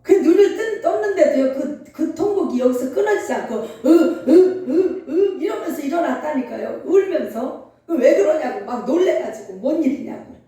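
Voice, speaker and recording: Woman pastor, high voice, mellow tone, animated storytelling sermon, echoey church hall, distant mic. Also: normal speed. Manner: animated, laughing, acts out dialogue. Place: church sanctuary.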